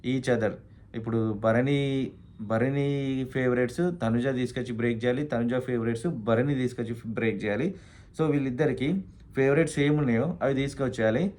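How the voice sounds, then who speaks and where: A man's voice: medium pitch, a little mellow. A man giving a casual spoken recap of a reality show, with many fillers and English words mixed in.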